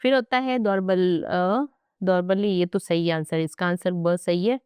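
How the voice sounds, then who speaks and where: Chatty woman teacher, smooth close voice. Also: on the low side, normal speed, a little mellow, dry recording. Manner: chatty and playful, with asides to students. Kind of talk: exam-prep grammar lesson.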